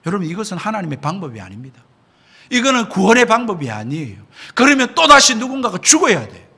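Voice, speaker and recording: A man's voice: high-pitched, huge pitch swings, quick pace, sharp tone, slightly rough. A man preaching a sermon as pastor, emphatic, often addressing the congregation directly and asking rhetorical questions. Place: church sanctuary.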